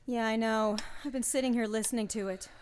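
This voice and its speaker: A haunted young woman played by an actress in a radio drama, with a high voice. She broods over her guilt and sounds earnest and insistent. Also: steady tone, a little fast, a little mellow, a little hiss or hum, natural voice. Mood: brooding guilt. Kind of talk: radio play acting.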